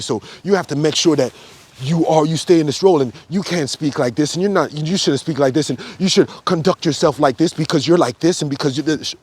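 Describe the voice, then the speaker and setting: A man's voice: fairly high pitch, husky. A man, a yoga teacher, talking in a loose, unscripted monologue, blunt and profane, with sudden emphatic outbursts. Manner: loose, repetitive phrasing with frequent fillers. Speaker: yoga teacher and health coach.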